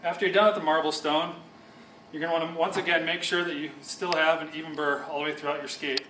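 Standing well back from the camera microphone, a young instructor demonstrates speed skate sharpening, explaining each step calmly but talking fast. His bright, rather high voice rings through a big office room with a whiteboard and windows, over a faint hiss or hum.

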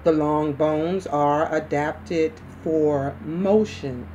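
A woman giving measured medical dictation for shorthand practice, deliberately, in short phrases with pauses between them. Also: low voice, warm tone, dull audio, slight background noise. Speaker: dictation instructor.

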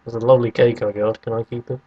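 A podcast co-host chats and debates casually, bantering and arguing his point. His medium-pitched, husky voice stays level in tone as he races along, and the audio is dull.

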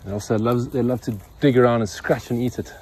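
This farmer vlogger talks while he works outdoors near a pond, filming point-of-view on a phone in his hand. Medium in pitch with fairly even intonation, he speaks a little fast in a slightly mellow voice. He's blunt, opinionated and matter-of-fact, and there is slight background noise.

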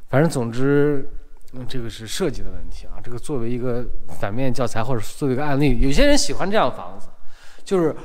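A man's voice: medium pitch, lively intonation, fast talker, darkish tone. A man giving a casual walk-through house tour as an agent, his articulation slightly muffled by a dental retainer. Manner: slightly muffled, imprecise speech from wearing dental braces or a retainer. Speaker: real estate agent and video host. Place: inside an empty house, walking from room to room.

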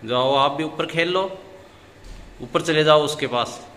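A man's voice: on the high side, measured pace, a bit bright, in a large hall. A man filming his pet parrots at home, talking to them in coaxing, sing-song baby talk. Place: inside a home.

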